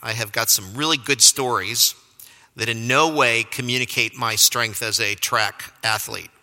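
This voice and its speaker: A man's voice: medium pitch, a little slow, sharp tone. A man preaching a sermon, telling a self-deprecating personal story and chuckling at himself. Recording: long reverb of a large hall.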